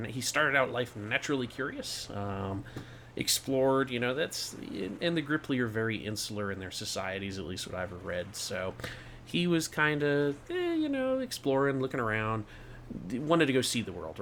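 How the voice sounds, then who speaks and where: A man with a fairly low voice chats casually at a game table. He is jokey and self-deprecating as he explains his character, with faint noise and ambience behind him. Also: a bit bright.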